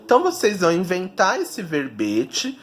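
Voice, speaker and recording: A man's voice: high-pitched, huge pitch swings, moderate pace. A man, a teacher giving a recorded video lesson and patiently explaining each step to children.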